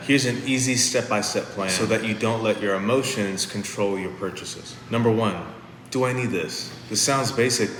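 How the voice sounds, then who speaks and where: A man's voice: lowish voice, fairly bright tone, a little hiss or hum. A man hosting a vlog, giving earnest, practical advice to camera from inside his home. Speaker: lifestyle vlog host. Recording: echoey room with long reverb, faint ambience.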